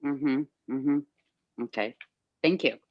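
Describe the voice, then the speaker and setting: A woman's voice: very deep voice, slow, no room sound. A woman calling in by phone while driving, asking a hesitant question over a car speakerphone line with many fillers and restarts. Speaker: caller asking a candidate a question. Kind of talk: halting call-in question. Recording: muffled dry phone line.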